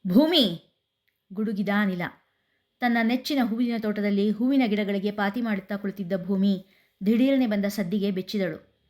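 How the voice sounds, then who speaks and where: A woman narrating a scripted story in a measured, expressive reading. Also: medium pitch.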